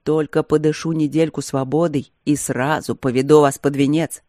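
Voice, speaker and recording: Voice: mid-range voice, little pitch movement, a little mellow, no room sound, clean studio sound, lightly acted. A narrator voicing a capricious, ironic young aristocrat patient in an audiobook. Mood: wheedling. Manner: slow, wheedling, ironic. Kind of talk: audiobook character reading.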